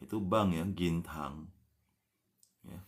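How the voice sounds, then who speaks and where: A man giving a casual language lesson, patiently explaining words and spelling them out letter by letter, ending many phrases with a soft "ya". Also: lowish voice, normal speed. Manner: frequent tag "ya" after phrases. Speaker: language teacher.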